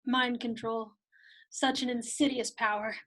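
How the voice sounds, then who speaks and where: A woman acts out a battered warrior heroine, fierce and demanding. Her high, bright voice delivers lines slowly. It is an amateur superhero script read. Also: fairly even intonation. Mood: grim. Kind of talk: amateur screenplay table read.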